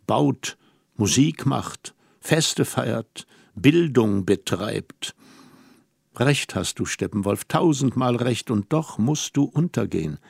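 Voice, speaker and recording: A wise and melancholy young woman speaks earnestly, weighing each word with slow, deliberate pauses, as a male audiobook reader gives her voice. The voice has a gravelly edge and sits close and dry. It is a storybook reading. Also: medium pitch, darkish tone, no room sound. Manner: measured, reflective, slow emphatic pauses.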